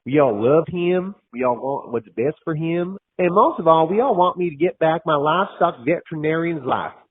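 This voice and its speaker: A man playing a flustered country vet recording his voicemail greeting, friendly but nervously polite, at a middling pitch. The voice sounds thin and boxed in, like it is coming over a phone line. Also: lively intonation, moderate pace, husky. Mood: nervous politeness. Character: folksy, flustered male livestock vet on voicemail.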